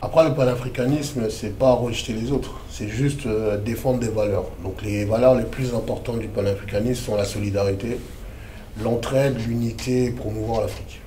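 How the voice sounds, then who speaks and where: A man's voice: medium pitch, fairly even intonation, moderate pace, dark tone, roomy sound, a little hiss or hum. A man from the Democratic Republic of the Congo, in his thirties, speaking as an activist interview guest in a casual, emphatic, slangy way.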